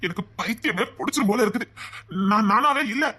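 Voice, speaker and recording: A woman's voice: on the high side, animated, fast, pushed and bright, husky, heavily acted. A woman voicing a restless lovesick police officer. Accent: Tirunelveli Tamil. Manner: agitated, stumbling over words.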